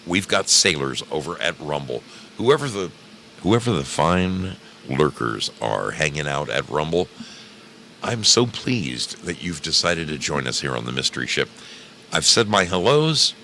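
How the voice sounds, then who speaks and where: There's a little hiss or hum behind this man's rumbling low voice, which carries vocal fry and a sharp tone. As an online radio host, he rambles casually to the live stream audience, theatrical and joking, hammering points home by repeating phrases.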